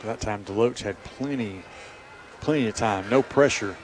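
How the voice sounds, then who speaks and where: A man's voice: lowish voice, normal speed. A man doing live play-by-play radio commentary on American football. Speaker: play-by-play sports announcer. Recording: clear outdoor stadium background noise.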